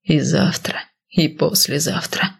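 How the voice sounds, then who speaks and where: A woman reading the lines of a possessive, commanding husband in an audiobook, low and half-whispered. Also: steady tone, takes it slowly, exaggerated voice. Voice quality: husky, breathy.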